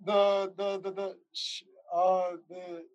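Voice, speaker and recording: A man's voice: high voice, flat delivery, slow, lo-fi sound. A young man co-hosting a casual podcast, playful and mock-innocent, laughing often. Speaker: podcast co-host.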